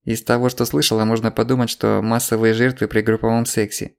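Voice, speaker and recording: A man with a low, gravelly voice reading the lines of a sleepy, sharp-tongued middle-aged wife in an audiobook. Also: level tone, a little fast. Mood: teasing.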